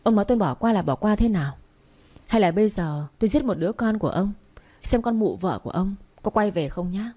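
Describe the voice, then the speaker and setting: A woman's voice: lowish voice, expressive, fairly quick, mellow, slightly rough. A woman reading a story aloud, voicing a firm young father who comforts his wife and confronts a man over his missing son. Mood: furious. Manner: firm, commanding.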